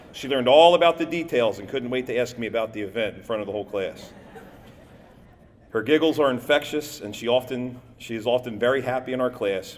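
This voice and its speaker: A man's voice: mid-range voice, long reverb tail. A man in his fifties, a teacher giving a loosely read award speech with jokes and stumbles. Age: 50s. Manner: jokey, loose, stumbles over words. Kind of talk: prepared award speech with asides.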